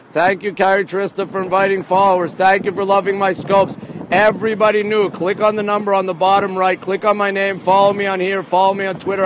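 This high-voiced livestream host from Montreal chats casually with viewers while walking a city bridge by a river, speaking in short, excited bursts and repeating his phrases. The phone recording is windy, with ambient outdoor noise in the background.

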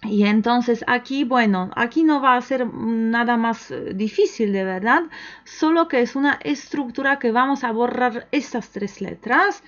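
A woman teaching an online language lesson, who talks slowly and patiently and waits for the learner to answer. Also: a little high, a bit bright. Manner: slow, patient, encouraging, with pauses for the learner to answer. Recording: dull, lo-fi recording.

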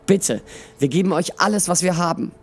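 A man's voice: fairly high pitch, quick pace, pitched above the performer's own voice, lightly acted. A man voicing a desperate, tearful young mother in a read-aloud storybook, pleading.

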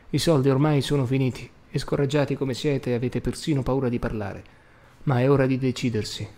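A man's voice: mid-range voice, dark tone, natural voice. A man voicing a stern, weary mother. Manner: firm, insistent.

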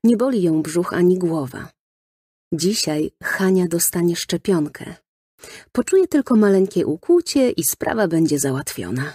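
Kobieta czytająca bajkę, lekko chropawy głos. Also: female voice, on the low side, sing-song, unhurried, warm tone, husky, no echo, studio quality. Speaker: audiobook narrator. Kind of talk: scripted children's story narration.

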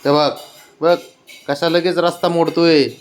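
A man's voice: a little high, flat delivery, unhurried. A man chatting with his pet cats at home in a coaxing, teasing baby-talk manner. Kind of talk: casual talk to pets. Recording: echoey room.

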